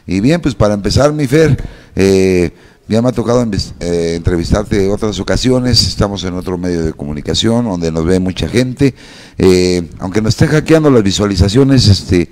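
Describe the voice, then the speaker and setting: A man with a low voice and a Mexican accent hosts a live talk show. He announces like a ringmaster and chats casually, speaking into a handheld microphone. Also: expressive, normal speed, a little mellow. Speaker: radio show host and clown. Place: office-like room, seated at a table.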